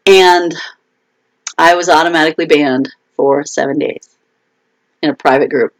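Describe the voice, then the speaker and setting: Chatty woman on a live stream, lowish voice. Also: fairly even intonation, moderate pace, poor audio. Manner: chatty and frustrated, many restarts and fillers. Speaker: author hosting a live video chat. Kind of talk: casual live-stream chat.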